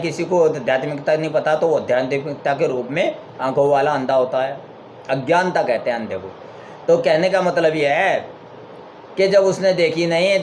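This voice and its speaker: A man's voice: a little high, darkish tone, a little hiss or hum. A man giving a spiritual talk, telling a parable and explaining it with rhetorical questions. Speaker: spiritual speaker.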